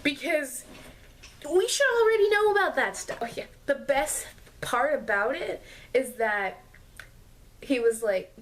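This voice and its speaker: A woman's voice: on the high side, slight background noise. A young woman vlogger telling a casual, exasperated storytime rant about her classes, full of sarcasm. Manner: exasperated, sarcastic, mocks classmates in put-on voices.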